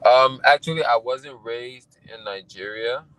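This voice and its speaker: A young man from Liberia, raised in Ghana, answering interview questions about his music in a soft, hesitant way with many fillers. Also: mid-range voice, a little slow, clear, resonant tone, dry recording, rough recording. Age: young adult. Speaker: musician guest. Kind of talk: interview answers over a call.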